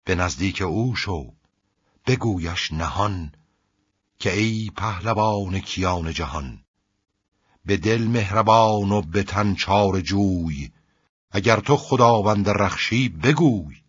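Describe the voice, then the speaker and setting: A captive young hero, earnest and hopeful, speaking in an epic poem, recited by a man in his own deep, husky voice. The verse is chanted in a steady, rhythmic cadence. The recording is dry and lo-fi. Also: no echo. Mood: confiding.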